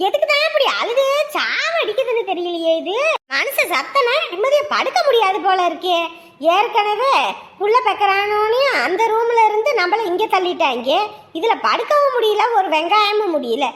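A woman's voice: extremely high pitch, big pitch swings, normal speed, fairly bright tone, exaggerated voice. An actress playing an irritable, spiteful woman who scolds and complains harshly. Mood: annoyed. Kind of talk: Tamil family drama acting.

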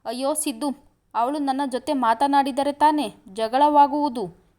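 A woman's voice: sits high, unhurried, dark tone. A woman reading aloud, voicing a young man who coaxes and protests as he defends himself to his sweetheart. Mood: exasperated. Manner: coaxing, protesting.

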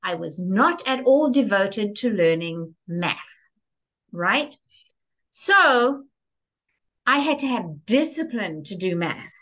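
A woman talking as an interview guest, with a theatrical, expressive delivery. She leans hard into key words and sounds animated throughout. Her pitch sits in the middle range. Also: slow pace. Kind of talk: enthusiastic interview conversation.

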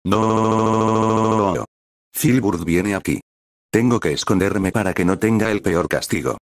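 Casting: male TTS voice as a low, dry-sounding scheming wallaby for a cartoon fan video. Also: takes it slowly, no echo. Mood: pleading. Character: pleading mischievous young male wallaby.

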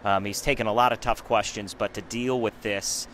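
A man's voice: on the low side, normal speed, a little hiss or hum. A man in his thirties hosting a casual post-game sports chat, recorded on a phone held at arm's length rinkside in an empty hockey arena. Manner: upbeat, lively, jokey interviewer. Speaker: sports show host.

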